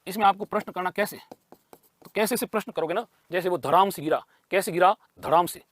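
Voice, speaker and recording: A man's voice: high-pitched, fairly quick, fairly bright tone. A man teaching a grammar lesson for exam prep. He asks questions and answers them himself, and he repeats key terms.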